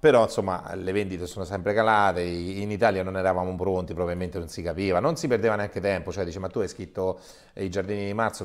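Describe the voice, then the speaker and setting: A man hosting a talk show about books, chatty and quick to agree. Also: deep voice. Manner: agreeable, chatty, frequent affirmations. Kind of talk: casual chat.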